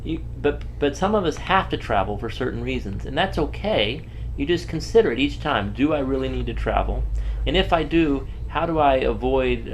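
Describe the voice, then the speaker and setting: A man speaking as a hospital doctor, explaining public health advice in a measured, plain-spoken, reassuring way during an interview. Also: medium pitch, slight background noise, rough recording.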